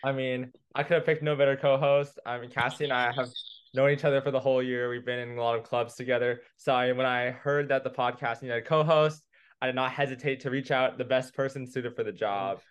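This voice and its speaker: A man's voice: mid-range voice, fairly even intonation, clear, resonant tone. A young man from California, a new podcast co-host, talking earnestly in casual chat. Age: young adult. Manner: earnest, with some "um" and "uh" pauses.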